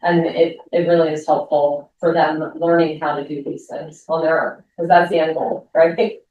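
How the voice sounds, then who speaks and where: Woman, parent co-presenter, low voice, candid and self-mocking, distant mic, heavy room echo. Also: flat delivery, moderate pace, narrow, tinny audio, a little hiss or hum. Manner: candid and self-deprecating, with many likes. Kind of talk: parent talk. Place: school meeting room. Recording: echoey room, voice from far off.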